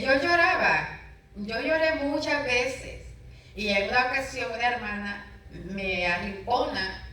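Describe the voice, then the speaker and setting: A middle-aged woman pastor with a bright, ringing voice shares her testimony with feeling, acting out the conversations she remembers. She sits some way from the mic in a very echoey room. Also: a little high, far from the mic. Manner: emotional, storytelling with dramatic retold dialogue. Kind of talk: personal testimony in an interview.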